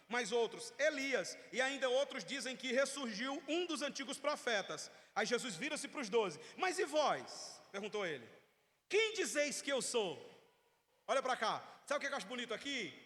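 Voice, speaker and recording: High-voiced Brazilian preacher in echoing church. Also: male voice, pushed and bright. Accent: Brazilian Portuguese. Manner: emphatic, asks the congregation questions. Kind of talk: teaching sermon. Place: church sanctuary. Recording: long reverb of a church hall.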